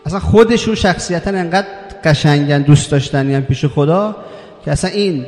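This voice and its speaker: A man with a somewhat high voice preaches a religious sermon, recites Arabic scripture and presses his listeners with rhetorical questions. His voice rings through a reverberant hall. Soft music plays faintly underneath.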